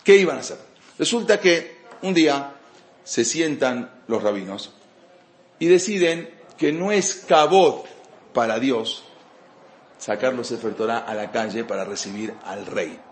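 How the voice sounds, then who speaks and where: Male teacher, rough gravelly voice, chatty storyteller, echoey hall sound. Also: mid-range voice, lively intonation, a little slow. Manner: conversational storytelling, frequent fillers and restarts. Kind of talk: informal lecture. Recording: echoey room.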